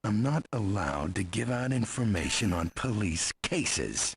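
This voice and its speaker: Weary desk sergeant, gruff game cop, low husky voice, swinging intonation. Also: male voice, animated, measured pace, slight background noise. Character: weary gruff middle-aged New Orleans desk sergeant. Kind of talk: video game voice acting.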